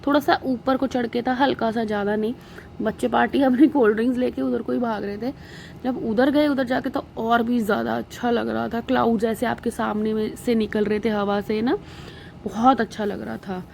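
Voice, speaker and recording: A woman with an Indian accent talks over her family travel footage in an easy, rambling way, pausing often on small fillers. Her voice sits a little high but sounds warm and mellow. A faint hiss of noise runs under the recording. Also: vocal fry. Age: adult with young children. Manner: chatty, relaxed storytelling with many fillers. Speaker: vlogger.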